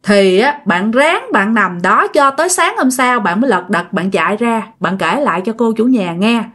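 A woman's voice: on the high side, animated, moderate pace, fairly bright tone. A woman with a Southern Vietnamese accent telling a ghost story in a chatty way. She talks straight to her listeners and repeats words to build suspense. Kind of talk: casual ghost-story narration.

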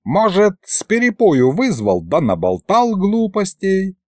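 A man's voice: high-pitched, wildly swooping pitch, measured pace, dry recording, clean studio sound, voice pushed up, exaggerated voice. A man voicing a doting, teasing old grandfather with a folksy rustic drawl in a raised voice. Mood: easygoing.

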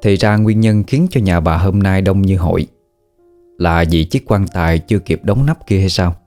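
A man with a Southern Vietnamese accent narrating a ghost story in a steady, measured way. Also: sits low, faint music behind.

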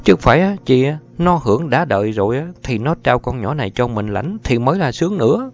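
A man voicing a sharp-tongued young mother who scolds in rapid, shrill accusations, on a dull lo-fi recording. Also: sing-song. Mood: accusing.

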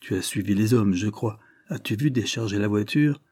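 A man voicing a shrewd gentleman who questions people calmly and firmly. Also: fairly low pitch, breathy edge, no room sound. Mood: probing. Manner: measured, questioning, firm. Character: shrewd gentleman adventurer, calm, probing.

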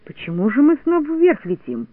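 A man's voice: very high-pitched, huge pitch swings, normal speed, no room sound, narrow, tinny audio, pitched above the performer's own voice, exaggerated voice. A man voicing a puzzled, easygoing little boy.

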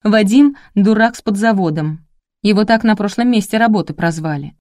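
A woman's voice: medium pitch, animated, a little fast, darkish tone, no echo, studio quality, pitched above the performer's own voice, lightly acted. A woman reading the part of a timid young female assistant in an audiobook, speaking in a trembling, tearful voice. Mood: confiding.

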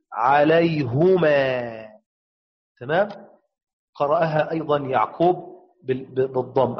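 A man teaching a lesson on the variant readings of the Quran, explaining step by step, asking and answering his own questions and chanting verse examples slowly. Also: on the high side, dull audio.

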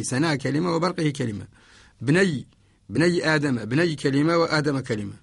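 A man from Mauritania, an Islamic scholar, giving a radio lesson on Quranic spelling in a measured, repetitive explaining manner with slowly recited examples. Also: fairly high pitch, gravelly, dry recording, clean studio sound.

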